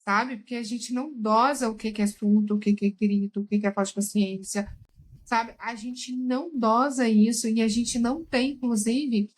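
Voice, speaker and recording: Woman, fairly high voice, emphatic casual commentator who keeps calling out to listeners. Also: fairly even intonation, moderate pace, rough recording. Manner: emphatic, addresses listeners as "gente". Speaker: therapeutic tarot reader, guest. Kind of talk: casual commentary while watching a recorded chat.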